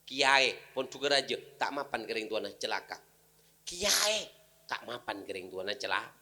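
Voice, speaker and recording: A man with a Madurese accent giving a humorous sermon, animated, with sudden loud outbursts. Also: lowish voice, fairly quick. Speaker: preacher.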